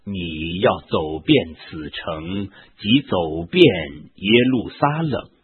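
A man's voice: low voice, breathy edge, heavily acted. A man reading as a stern commanding lord. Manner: solemn, commanding recitation. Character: stern divine male lord giving commands. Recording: tinny lo-fi phone-like recording.

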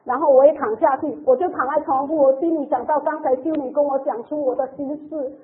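A woman tells her personal faith testimony in an emotional, storytelling way, often ending phrases with soft particles. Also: sits high, steady tone, quick pace. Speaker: church member giving testimony. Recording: tinny phone-like radio sound.

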